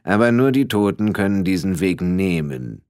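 A man voicing a grave skeleton figure of death with a heavy, rumbling voice and slow, measured speech. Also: big pitch swings, a little mellow, clean tone, no room sound, studio quality. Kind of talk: audiobook character voice.

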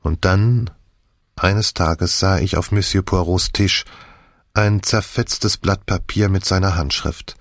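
A man's voice: low voice, fairly even intonation, no room sound, clean studio sound, full character voice. A man reading as a weary haunted woman. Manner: tired, slow, confessional.

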